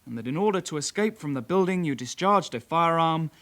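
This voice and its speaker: In a radio drama, a young adult male actor plays a young British detective constable, a calm sidekick. His voice is a little high, and he speaks in a measured, official manner.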